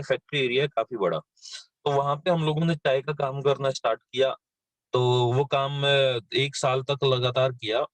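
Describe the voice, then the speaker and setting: A man's voice: mid-range voice, dry recording. Man telling his life story with many fillers. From western Uttar Pradesh, India. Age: 30s. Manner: plain storytelling, frequent fillers and repeated words. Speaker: invited speaker sharing his story. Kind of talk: motivational talk on a live session.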